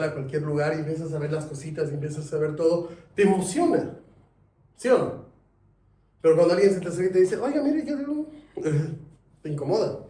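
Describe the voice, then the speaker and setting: A man teaching a sales class, lively, asking his students questions. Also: on the high side. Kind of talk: classroom lecture. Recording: echoey room, mic at a distance.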